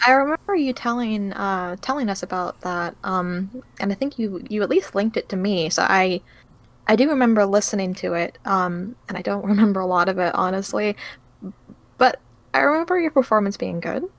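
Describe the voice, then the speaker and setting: A woman's voice: mid-range voice, lively intonation, moderate pace, no room sound. A woman answering as an interviewed voice actor, chatting casually in a hesitant, thoughtful way and often correcting herself.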